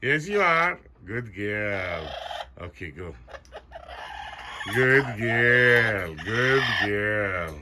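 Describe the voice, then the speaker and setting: A man's voice: on the low side, expressive, very slow, noisy background. A man talking playfully to his pet birds in short, repeated, coaxing phrases. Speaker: pet bird owner.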